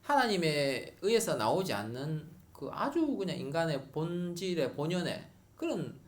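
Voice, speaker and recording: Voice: medium pitch, sing-song, unhurried. A middle-aged pastor preaching a sermon at a Friday prayer meeting, repeating key words for emphasis.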